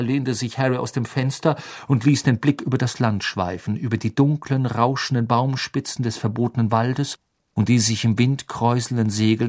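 A man narrating an audiobook in calm, even storytelling. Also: medium pitch.

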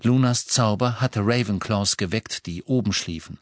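A man narrating a fantasy audiobook in a measured, dramatic storytelling manner. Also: lowish voice, no room sound, studio quality. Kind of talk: scripted narration.

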